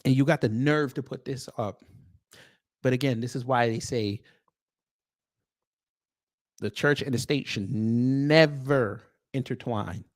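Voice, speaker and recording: An American man hosts online opinion commentary, reading posts aloud off the cuff in a mid-range voice with a dry sound and no room echo. He is sarcastic and confrontational, landing his points with pointed pauses.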